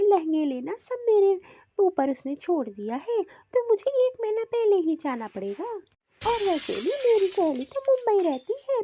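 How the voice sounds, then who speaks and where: A woman's voice: very high-pitched, mellow. A woman voicing a headstrong young married woman in a cartoon, indignant and sulky. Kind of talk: cartoon voice acting.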